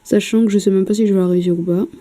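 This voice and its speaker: Very dark-voiced woman, hesitant and chatty. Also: mid-range voice, steady tone, rapid-fire. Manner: hesitant, many fillers, chatty, swears casually. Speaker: miniature painter. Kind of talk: casual painting vlog. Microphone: camera mic.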